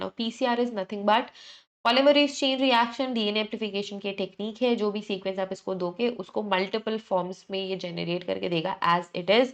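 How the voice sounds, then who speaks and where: A woman teaching an exam revision lecture, explaining briskly, often checking in with the class and correcting herself as she goes. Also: mid-range voice. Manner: brisk, repeats "ठीक है" to check in, self-correcting; mixes English terms into Hindi explanation.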